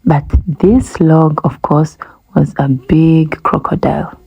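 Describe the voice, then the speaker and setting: A woman reading a rhyming children's book aloud, gentle and rhythmic, often dropping to a breathy whisper. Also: deep voice, fairly even intonation, takes it slowly, dull audio. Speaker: storybook reader.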